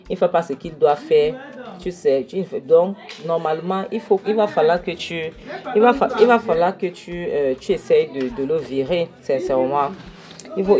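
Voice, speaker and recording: A woman voicing a cocky, washed-up man who rambles and defies his former friend, in a low voice. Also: dark tone, close to an everyday voice. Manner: rambling, defiant. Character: cocky washed-up man lounging where he shouldn't.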